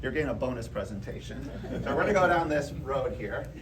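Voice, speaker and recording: Speaking fast and expressively in a mid-range voice, a presenter delivers an informal geology lecture, chatting through explanations with a live audience indoors. A distant mic gives the recording a roomy sound with faint background noise.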